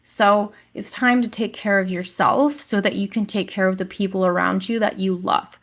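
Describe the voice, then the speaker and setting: A woman's voice: medium pitch, steady tone, moderate pace. Woman, podcast host and health coach; casual and upbeat, acts out client quotes.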